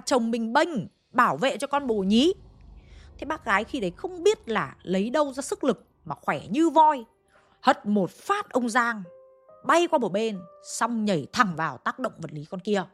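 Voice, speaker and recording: A young woman, casually telling a story in a chatty, gossipy way. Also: a little high. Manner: chatty, gossipy, lively, acts out quarrel lines.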